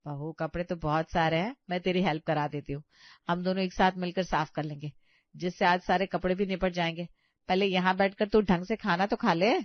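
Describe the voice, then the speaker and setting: A woman's voice: lowish voice, fairly even intonation, fairly quick, no room sound, close to an everyday voice. Woman voicing a patient mother-in-law. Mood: coaxing. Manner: gentle, coaxing. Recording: dull lo-fi sound.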